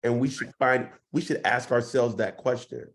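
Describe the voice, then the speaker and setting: A man with a hoarse, partly lost voice, hosting a casual interview in an encouraging, appreciative way. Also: medium pitch, steady tone, normal speed. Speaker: host.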